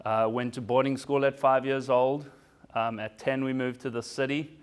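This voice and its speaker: This is a relaxed, self-deprecating motivational keynote for businesspeople, delivered by a man in his forties from South Africa who grew up speaking German. He often tags on "right?" He speaks at normal speed, with a medium, steady, smooth voice.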